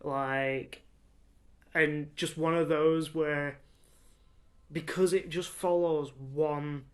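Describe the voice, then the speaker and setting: Slow-talking young man chatting casually. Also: fairly high pitch, fairly even intonation. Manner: enthusiastic, rambling with many fillers. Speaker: podcast co-host. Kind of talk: casual chat.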